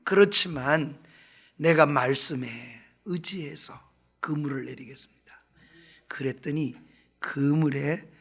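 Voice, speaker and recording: Male pastor, revival sermon in a church; husky, gravelly voice, bright and sharp, swings from whispers to loud peaks. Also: fairly high pitch, slow pace, long pauses. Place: church sanctuary.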